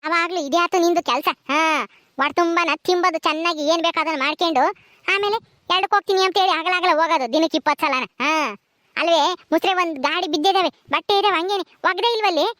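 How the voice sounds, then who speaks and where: A woman's voice: very high-pitched, fast talker, dry recording, clean studio sound. A woman with a rural Karnataka accent plays a bossy, short-tempered mistress of a village house who nags and scolds. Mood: scolding. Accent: rural Karnataka Kannada. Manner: scolding, nagging, sharp-tongued. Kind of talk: homemade village drama.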